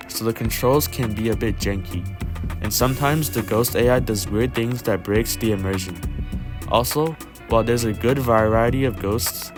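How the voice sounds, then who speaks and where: A man hosting a video game review, reading scripted narration in the manner of an online reviewer. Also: medium pitch.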